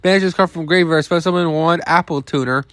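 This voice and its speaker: A man's voice: on the high side, fairly even intonation, fast, fairly bright tone, no echo, studio quality. A young man casually reviewing game cards, thinking aloud with frequent restarts and the odd swear word. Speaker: card game video host. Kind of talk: casual card review commentary.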